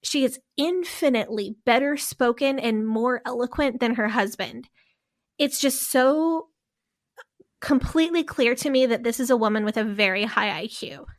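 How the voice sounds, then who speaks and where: A woman with a slightly high voice, speaking at normal speed, co-hosts a podcast. Her storytelling is casual and rambling, marked by frequent fillers and restarts.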